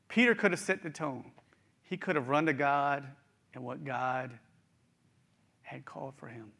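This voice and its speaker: Man preacher, West Virginia accent, middle-aged, fairly high voice, folksy sermon delivery, direct address. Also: gravelly, a bit bright. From West Virginia, United States.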